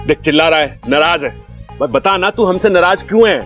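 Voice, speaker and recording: A man's voice: a little high, brisk, fairly bright tone, natural voice. An actor playing a cheerful eldest brother who coaxes his younger brother in a playful way in a TV serial. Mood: coaxing. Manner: coaxing, playful. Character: cheerful scheming eldest brother, adult man. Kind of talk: TV serial acting. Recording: music playing behind.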